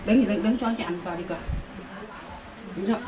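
A woman's voice: mid-range voice, normal speed. An older woman with a Southern Vietnamese accent, rambling through her story in plain, exclamation-filled talk. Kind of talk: casual rural storytelling. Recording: noticeable background noise.

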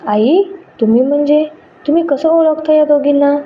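A woman voicing an emotional, excitable young newlywed bride who talks in a lively, surprised way. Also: high-pitched, measured pace. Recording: dull lo-fi with faint noise.

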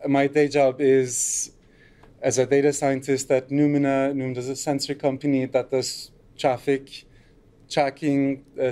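A middle-aged man from Turkey gives a conference talk from a lectern in a lecture room, speaking loosely and unscripted with frequent fillers. His mid-range voice is clear and resonant, with a dark tone.

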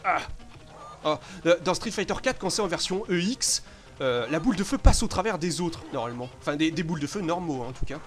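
A man with a fairly high voice commentates his own gameplay live. He swears freely, bursts out loudly and then drops to mutters. Faint game music plays behind him. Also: a little fast. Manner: excitable, swears often, sudden loud outbursts then mutters.

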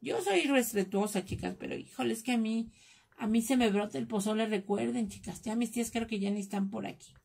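A woman with a Mexican accent hosts a live craft class, chatting and joking with viewers as she works and calling them "chicas." Her fairly high voice is quick, creaky, husky, and somewhat dark in tone.

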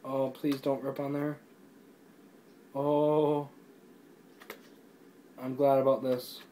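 Rambling excitable young man unboxing. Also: medium pitch, drawn-out words, a little hiss or hum, rough recording. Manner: rambling, excitable, filler-heavy. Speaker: YouTuber reviewing discs. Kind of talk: casual unboxing chat.

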